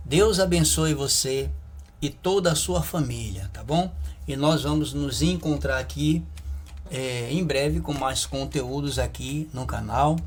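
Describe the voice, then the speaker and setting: A man teaching a Bible lesson in a slow video, patiently pointing at a slide and checking in with his listeners. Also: on the high side, husky.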